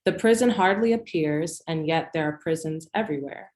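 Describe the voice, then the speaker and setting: A woman's voice: lowish voice, expressive, moderate pace, a little mellow, low-quality recording. A young woman reading a scripted conference talk as a presenter, formal and composed. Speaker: academic presenter, doctoral candidate.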